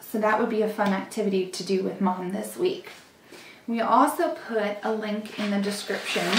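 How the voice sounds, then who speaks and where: A young woman giving a gentle, encouraging Bible lesson to children, seated at a table in a small room. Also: medium pitch, far from the mic. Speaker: children's church teacher. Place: small indoor room, seated at a table before a plain wall. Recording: echoey room.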